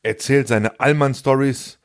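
A man's voice: medium pitch, steady tone, a little slow. A young man co-hosting a casual podcast, telling anecdotes, laughing at his own jokes and mimicking other people's voices. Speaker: podcast co-host. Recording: remote call audio.

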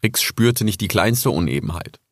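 A man narrating an animal story audiobook with expressive, lively storytelling. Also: lowish voice, normal speed, no echo, studio quality.

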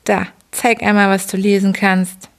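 A woman voicing a gruff, bullying middle-aged father who scolds his son in a bedtime audiobook reading. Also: medium pitch, flat delivery, unhurried, natural voice. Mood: threatening. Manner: bullying, scolding, barking questions. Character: gruff shouting drunken old father, middle-aged man.

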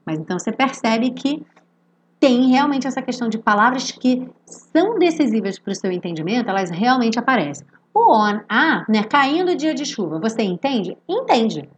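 A Brazilian woman teaching English pronunciation through song lyrics, explaining quickly and then singing lines slowly. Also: on the high side, very animated, slight background noise.

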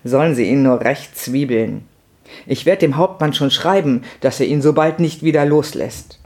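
A man reading aloud and voicing a brash old woman who loudly mocks her absent husband. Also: mid-range voice, moderate pace, lightly acted. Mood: scornful. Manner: mocking, loud, scoffing.

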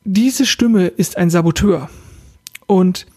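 Husky-voiced man musing on a podcast. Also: high-pitched, slow pace, mellow, no echo, studio quality. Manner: casual, thoughtful, addresses listener directly. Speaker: podcast host and coach. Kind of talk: reflective self-help podcast talk.

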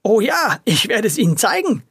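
A high, shrill, hot-headed greengrocer in a children's audio story. He rants and yells with a gravelly edge. The sound is dry and close. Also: animated, normal speed, no room sound. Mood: agitated ranting. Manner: shrill, shouting and ranting. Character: hot-tempered middle-aged male greengrocer.

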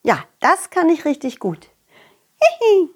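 A woman's voice: fairly high pitch, very animated, measured pace. A woman narrating a children's story and speaking directly to young listeners in a playful way. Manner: warm, playful address to children.

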